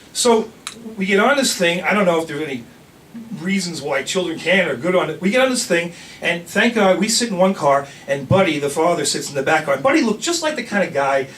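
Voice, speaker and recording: An older man from the New York area telling a rambling personal story on stage, animated, with restarts and laughs. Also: a little high, recorded from a distance, a little hiss or hum.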